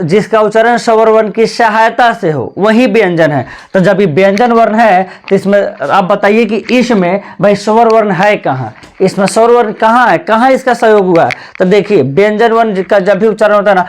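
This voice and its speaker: A man teaching a Hindi grammar lesson at a board, repeating key points and asking and answering his own questions. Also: high-pitched. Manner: addresses viewers as "bhai" (brother). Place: classroom with a board.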